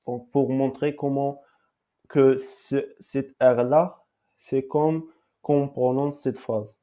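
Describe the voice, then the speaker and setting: Very slow, hesitant male language teacher. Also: mid-range voice, fairly even intonation, mellow. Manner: hesitant, many fillers and restarts, repeats each word several times. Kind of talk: slow explanatory lesson with repeated example words.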